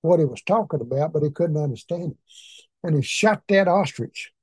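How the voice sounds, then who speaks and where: A man's voice: a little high, expressive, normal speed, a little mellow, breathy edge, dry recording. Folksy man with an Arkansas Southern accent. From Arkansas, southern United States. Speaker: preacher leading a prayer meeting. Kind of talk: folksy informal talk to a congregation.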